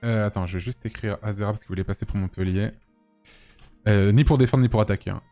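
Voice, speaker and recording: A man's voice: lowish voice, fairly even intonation, fast talker, warm tone, faint music behind. A man hosting a live stream, chatting casually with lots of fillers and teasing his guests. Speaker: streamer host.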